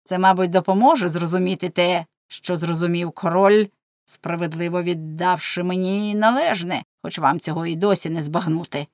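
A woman's voice: lowish voice, fairly even intonation, moderate pace, dry recording, studio quality, close to an everyday voice. A woman doing Don Jaime, a pompous mocking governor. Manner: scornful, pompous, taunting. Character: arrogant mocking male colonial governor. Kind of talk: audiobook character voice.

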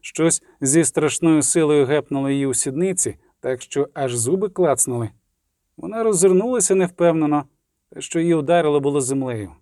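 Brief: steady male storybook narrator, warm tone, dry close sound. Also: on the high side, a little fast, no echo. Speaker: audiobook narrator.

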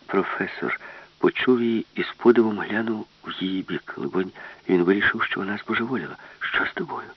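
Husky man narrating a storybook. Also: lowish voice, fairly quick, dull audio. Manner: expressive storytelling. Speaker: audiobook narrator.

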